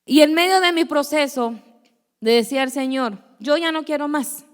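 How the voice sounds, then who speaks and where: High-voiced woman preaching in a hall. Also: moderate pace. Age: young adult. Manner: earnest storytelling, acting out dialogue. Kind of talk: testimony sermon. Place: church.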